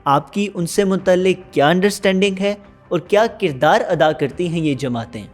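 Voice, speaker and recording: A man interviewing a guest, asking calm, measured questions. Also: high voice, faint music behind.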